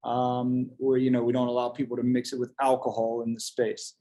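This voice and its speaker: Halting American man, mellow voice. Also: mid-range voice, completely flat delivery. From United States. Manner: halting, many restarts. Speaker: kava bar owner. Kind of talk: webinar panel answer.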